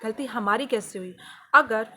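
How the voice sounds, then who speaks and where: Woman, self-healing vlogger, earnest and devotional, slightly high voice, faint hiss behind. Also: moderate pace, bright, forceful tone. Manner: earnest, repeats phrases for emphasis; spiritual, devotional. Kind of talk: confessional personal story.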